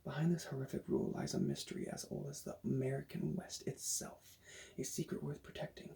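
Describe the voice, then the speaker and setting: Gravelly whispered role-play from a hushed man. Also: fairly high pitch, steady tone, brisk. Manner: hushed, breathy library whisper. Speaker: librarian recommending books in an ASMR roleplay.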